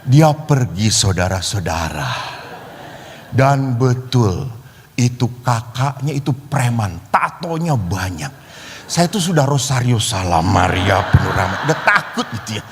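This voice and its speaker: Animated priest in an echoing church. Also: male voice, mid-range voice, measured pace, slight background noise. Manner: animated, acts out quoted voices with shouts. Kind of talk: humorous sermon storytelling. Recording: long reverb of a large hall.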